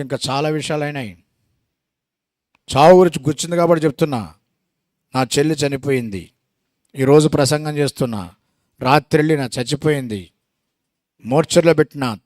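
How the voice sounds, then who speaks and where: A man preaching a sermon, swinging between loud exclamations and hushed asides and asking the congregation rhetorical questions. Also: a little high, dry recording, studio quality.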